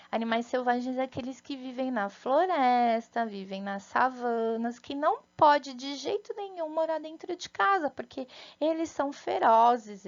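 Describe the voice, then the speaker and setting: Slow, patient Brazilian woman teaching children. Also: a little high, highs cut off. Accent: Brazilian Portuguese. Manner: slow, patient and sing-song, with frequent "né?" and "tá?" checks. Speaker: first-grade teacher. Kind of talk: recorded remote lesson for young children.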